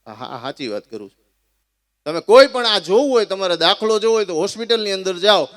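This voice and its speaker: A man with a Kathiawadi Gujarati accent telling comic folk stories live, animated, often addressing his listeners as sir. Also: high voice, fairly quick. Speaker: folk storyteller and schoolteacher.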